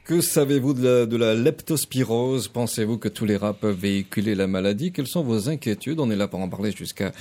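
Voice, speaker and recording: Radio host, man, lower voice, measured delivery. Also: dark tone, a little hiss or hum. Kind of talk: radio phone-in hosting.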